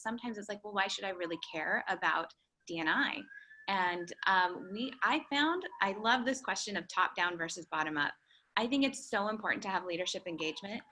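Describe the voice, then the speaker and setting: A woman panelist speaks enthusiastically in a webinar, with a bright, forward tone. She stresses her points firmly and keeps her energy up from one point to the next. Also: mid-range voice, rough recording. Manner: enthusiastic, emphatic. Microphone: video call.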